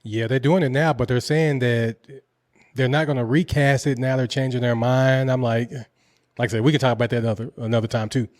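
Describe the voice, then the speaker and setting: A man's voice: mid-range voice, steady tone, a little fast, darkish tone, no echo, clean studio sound. A man hosting a casual interview, easygoing and teasing. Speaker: interview host.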